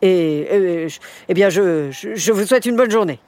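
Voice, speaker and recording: A bullying mustached park guard. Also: male voice, high voice, normal speed, no echo. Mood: nervous. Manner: shouting, then stammering.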